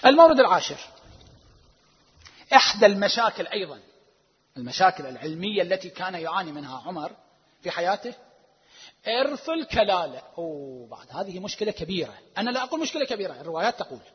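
Man preaching a religious lecture, high husky voice, loud then hushed, muffled lo-fi sound in a big echoey hall. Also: big pitch swings. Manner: emphatic, drawn-out stresses, swings between loud and hushed; rhetorical questions to the audience. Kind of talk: religious lecture citing sources. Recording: dull lo-fi recording with long hall reverb.

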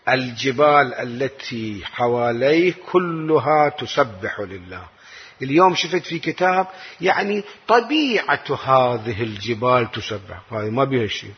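Iraqi religious teacher, Quran lesson, animated with a wide swinging pitch, heavy rasp. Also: male voice. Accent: Iraqi Arabic. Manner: animated, asks rhetorical questions and answers them. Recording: dull lo-fi recording.

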